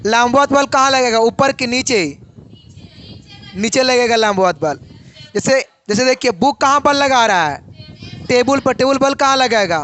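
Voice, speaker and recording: A man's voice: very high-pitched, unhurried, a bit bright. A young man teaching a physics class, asking questions and then answering them himself.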